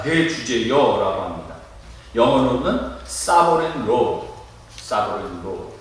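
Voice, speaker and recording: A male pastor preaching a sermon in a church, lively and demonstrative, acting out loud cries to make his point. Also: medium pitch, a little hiss or hum. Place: church sanctuary. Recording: echoey room, mic at a distance.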